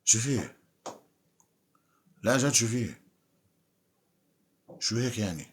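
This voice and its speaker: Husky, low-voiced man. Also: expressive, unhurried. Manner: teasing, bantering. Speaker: livestream host. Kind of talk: casual live chat with viewers.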